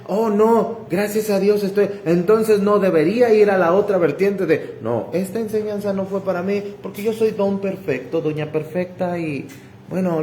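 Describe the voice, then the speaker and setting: A man's voice: high-pitched, mellow, reverberant, a little hiss or hum, natural voice. A man preacher voicing a smug self-righteous churchgoer who says the sermon isn't for them. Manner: smug, dismissive.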